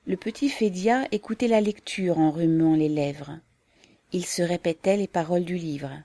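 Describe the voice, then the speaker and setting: A woman reads a novel aloud in a calm, measured narration. Her voice is somewhat low and mellow, never sharp, and the sound is dry and close with no room around it. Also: no echo. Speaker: audiobook narrator.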